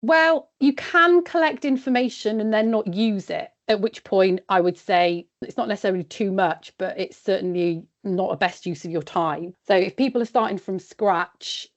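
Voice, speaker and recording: A woman in her forties talks easily and practically, as if chatting across a kitchen table. Her voice sits at an ordinary middle pitch. The recording is somewhat dull and lo-fi. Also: moderate pace, few pauses. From West Wales. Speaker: independent sheep consultant. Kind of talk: podcast interview. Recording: dull, lo-fi sound.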